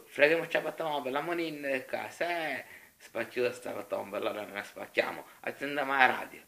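Comic parody dub: irritable Sicilian complainer, performed by a man, slangy, forceful, foul-mouthed. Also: medium pitch, brisk, vocal fry. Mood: griping.

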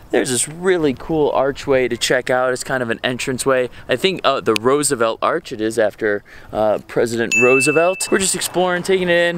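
A man's voice: mid-range voice, fairly bright tone, slight background noise. A young man talking casually to a handheld camera as he travels on a road trip, upbeat and chatty. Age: young adult. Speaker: travel vlogger. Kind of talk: casual travel vlog narration. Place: outdoors and in a room on a road trip. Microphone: handheld camera at arm's length.

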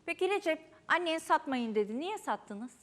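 High-voiced woman host, pressing questions. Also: very animated, moderate pace. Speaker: talk show host. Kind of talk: probing studio interview.

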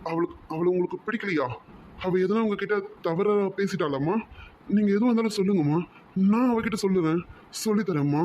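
A man voicing a high, pleading young son. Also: mellow, muffled recording, a little hiss or hum, close to an everyday voice. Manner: pleading, confused, repeating "amma". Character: distressed young man in love, devoted son. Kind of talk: cartoon voice acting.

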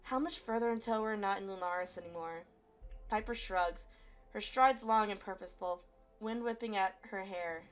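A woman reads a visual novel aloud in an expressive storytelling style. Her pitch is middling for a woman. Soft game music runs faintly behind her. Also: normal speed.

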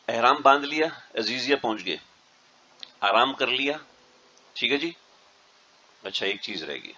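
The speaker is a mufti giving pilgrims an instructional religious talk while frequently confirming they understand. He has a lowish, sharp-toned voice, and the dull lo-fi recording carries a little hiss or hum.

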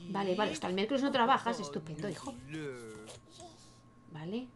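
A woman's voice: mid-range voice, expressive, brisk, a crowd in the background. A young woman with a Spain Spanish accent gives casual let's-play commentary, chatting to her game characters and laughing often. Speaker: gaming youtuber.

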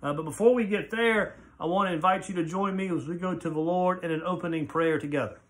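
A man's voice: sits high, fast, fairly bright tone. A man in his forties, a pastor, giving a casual rambling tour of his small wood-paneled office, filmed on a phone at arm's length. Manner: friendly, rambling tour talk with fillers. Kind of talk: casual video devotion. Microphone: phone camera at arm's length.

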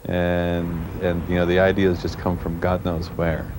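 A man from Canada, a programmer being interviewed, talking in a halting way and searching for his words, heard on a worn VHS tape copy. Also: low voice, completely flat delivery. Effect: worn VHS tape copy with faint hiss. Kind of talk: casual interview talk. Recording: worn tape with faint hiss.

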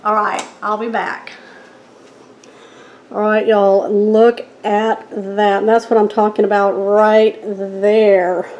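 This middle-aged home cooking host speaks slowly in a mid-range, darkish voice with flat delivery. She demonstrates a recipe in her own kitchen, chatting folksily and checking in with viewers, with echo and faint noise in the recording.

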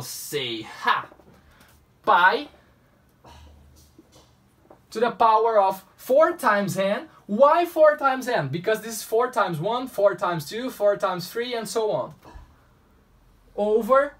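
Recorded from a distance on a camera mic, a young adult man from Brazil, a native Portuguese speaker with a Brazilian Portuguese accent, tutors math at a whiteboard in a small room. His voice is high and fairly bright as he solves a problem and chats playfully to himself.

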